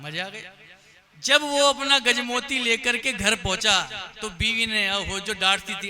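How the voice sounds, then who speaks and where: High-pitched animated man preaching to a crowd. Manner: animated, acts out characters with sharp rises in pitch and loudness. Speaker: pandit giving a discourse. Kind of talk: storytelling sermon. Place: temple hall with an audience.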